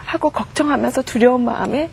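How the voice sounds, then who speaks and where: Woman guest, middle-aged, slightly high voice; earnest storytelling testimony, faint background hum. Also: brisk, gravelly, darkish tone. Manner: earnest storytelling, acts out quoted prayers and dialogue.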